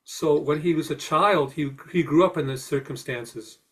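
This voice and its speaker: Reassuring man with a slightly high voice. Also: normal speed, fairly bright tone. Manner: reassuring, encouraging, hesitant restarts. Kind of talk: casual spiritual discussion.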